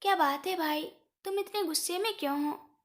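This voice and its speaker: A woman's voice: very high-pitched, normal speed. A woman reading a cheeky, teasing younger brother. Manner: playful and teasing.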